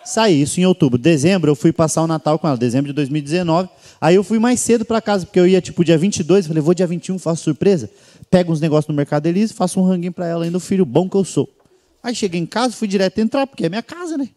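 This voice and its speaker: High-voiced comedian telling a story. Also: male voice, very fast. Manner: animated, acts out voices of the people in his story. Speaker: stand-up comedian. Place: comedy venue with a laughing audience.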